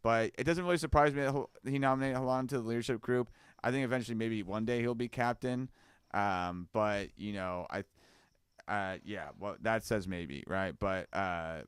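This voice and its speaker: A man with a fairly low, smooth and resonant voice hosts a casual football chat podcast. He rambles, restarts sentences and keeps checking in with his co-host. The sound is close and dry. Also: no echo. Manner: rambling, many restarts and "you know what I mean".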